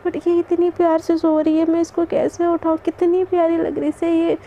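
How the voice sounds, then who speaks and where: A woman's voice: very high-pitched, little pitch movement, moderate pace, mellow, lo-fi sound, slight background noise. A woman voicing a playful, teasing young woman partner, in a storybook love tale. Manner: teasing, whiny, fake-pleading.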